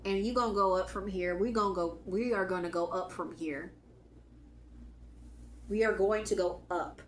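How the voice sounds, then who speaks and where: Emphatic woman with a hoarse voice. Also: medium pitch, normal speed, roomy sound, slight background noise. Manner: emphatic, repeats key lines, sprinkled with swearing. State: voice going hoarse. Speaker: spiritual channel host. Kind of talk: casual spiritual pep talk to viewers.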